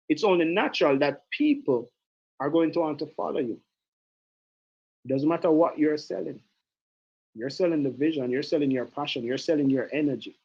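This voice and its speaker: A man with a gravelly, husky voice delivers a motivational sales pep talk, energetic and persuasive. He keeps repeating himself and throwing questions at his listeners. The recording sounds dull and lo-fi. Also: a little high. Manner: energetic, persuasive, repetitive, asks the audience questions. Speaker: network marketing team leader.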